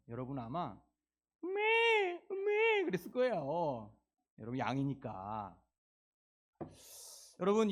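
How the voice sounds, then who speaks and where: A male pastor preaching a sermon with emotion, often asking the congregation rhetorical questions. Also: high-pitched.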